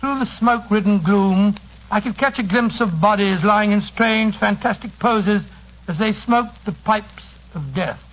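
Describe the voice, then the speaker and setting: A man's voice: high voice, unhurried. A man playing a genial older English doctor who tells of his past adventures in an avuncular, fussy manner, in 1940s radio drama style. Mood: genial, reminiscing. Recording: dull old radio broadcast.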